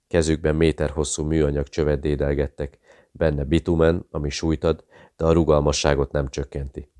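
A man's voice: a bass voice, darkish tone, clean tone, dry recording, studio quality. A man steadily narrating a thriller audiobook.

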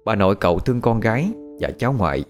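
A man narrating a scripted horror story in a dramatic, expressive way. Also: fairly low pitch, fast talker. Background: faint music.

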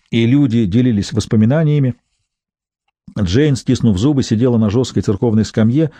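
A man reading a thriller audiobook in scripted narration, measured and even. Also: medium pitch, no echo.

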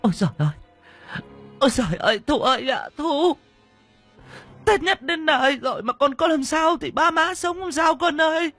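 A man voicing an elderly country wife who is loving and fretful, shrill and quick to wail. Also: sing-song, breathy edge, soft background music, heavily acted. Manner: shrill, rising to wailing cries.

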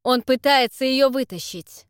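A cold man barks orders in a raised, loud voice with steely, pitiless authority, as a woman reading the audiobook puts him on. The recording is dry and close. He does not soften. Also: high voice, measured pace, smooth, dry recording, voice pushed up. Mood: stern command. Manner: harsh, commanding.

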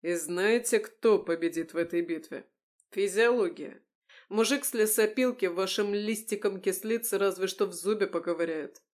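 A woman voicing a burly, cynical male cook who talks in a loud, growling, scoffing way. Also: medium pitch, moderate pace, close to an everyday voice. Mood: mocking.

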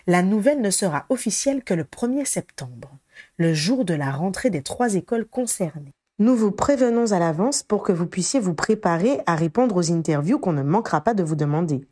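A woman's voice: lowish voice, very animated, moderate pace, a little mellow, dry recording, clean studio sound. A woman reading the lines of a courteous, enthusiastic male ministry official in a storybook. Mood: eager. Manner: polite and enthusiastic.

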